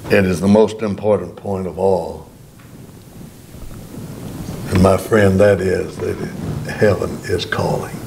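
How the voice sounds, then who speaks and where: A man's voice: low-pitched, fairly even intonation, slow, vocal fry, pauses often, background noise. An older man, a pastor, preaching a sermon at a church podium microphone, drawing out words for emphasis. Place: church sanctuary before a bank of flowers.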